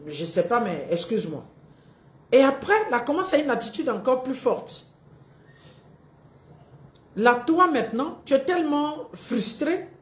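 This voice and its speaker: Animated woman coaching in an echoey room. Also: on the high side. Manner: animated, acts out both partners in quick little dialogues. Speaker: relationship coach. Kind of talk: live-streamed coaching talk.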